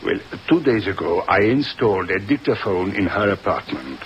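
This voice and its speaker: A suave police inspector speaks in a lowish, lilting voice. He is formal, smug and unruffled, as heard on a muffled vintage radio play. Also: expressive, moderate pace. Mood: smug, polite. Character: suave French police inspector, smugly discreet. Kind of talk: 1950s radio drama acting. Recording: muffled, hissy old radio recording.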